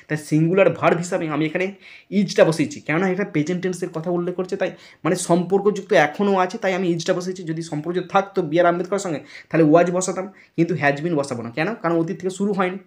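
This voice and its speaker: Man teaching grammar, spelling words aloud. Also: on the high side. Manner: explains step by step, spells words letter by letter; checks understanding with repeated questions. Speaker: English teacher. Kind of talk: classroom grammar lesson.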